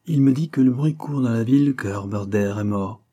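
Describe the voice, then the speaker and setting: A man voicing an older father who speaks with calm, gentle firmness, in a read-aloud novel. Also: medium pitch, moderate pace, close to an everyday voice. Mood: gently firm. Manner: gently reproving.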